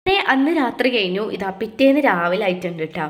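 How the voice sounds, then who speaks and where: Woman; home vlogger, casual step-by-step craft chat, mid-pitched everyday voice. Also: lively intonation, quick pace. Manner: chatty, explains step by step to viewers. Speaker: family vlogger.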